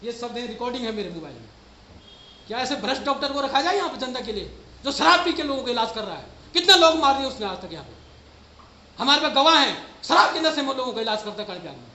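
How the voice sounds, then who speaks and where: A man, a parent, makes an agitated and emotional complaint at a public meeting in a hall, and at times he shouts. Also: extremely high pitch, very animated, quick pace. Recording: echoey hall with faint noise.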